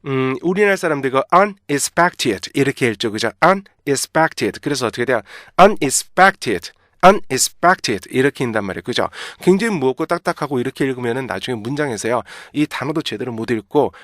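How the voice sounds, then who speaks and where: A man gives a pronunciation lesson in a medium-pitched voice. He explains patiently, repeats each word slowly and keeps checking that his listeners follow. The recording is very dry and close, with almost no room sound. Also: animated, no echo. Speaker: English pronunciation teacher.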